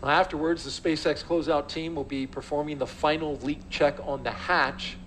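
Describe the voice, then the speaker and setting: A man's voice: a little high, steady tone, normal speed, a bit bright. A man hosting live launch commentary, narrating events as they unfold. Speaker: broadcast host. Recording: faint background noise.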